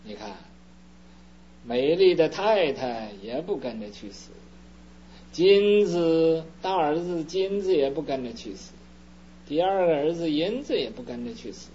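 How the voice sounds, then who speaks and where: Brief: slow-speaking male Buddhist preacher, slightly high voice, dull lo-fi tape with faint hum. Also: darkish tone. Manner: unhurried storytelling with many fillers. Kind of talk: sermon telling a parable.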